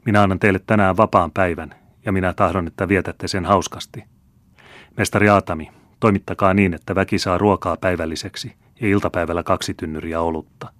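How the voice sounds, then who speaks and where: A man voicing a proud seventeen-year-old count who speaks in a haughty, measured, lordly way. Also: low-pitched, fairly even intonation, fairly bright tone, no echo.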